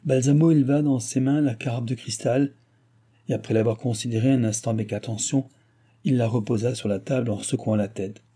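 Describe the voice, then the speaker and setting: Male narrator, classic novel audiobook, dark tone, husky, low pitch, measured. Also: steady tone. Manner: measured, literary reading.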